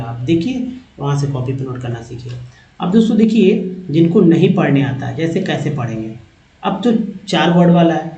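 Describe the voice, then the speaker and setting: A man with a Hindi accent teaching English reading, spelling out letters and repeating each word slowly. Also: a little high, dark tone. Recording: echoey lo-fi room recording.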